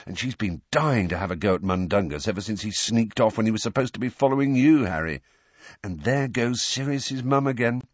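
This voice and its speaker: A man voicing a brash, teasing teenage boy who talks quickly and cheekily. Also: fairly low pitch, expressive, no room sound, dull audio, pitched above the performer's own voice. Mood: cheeky.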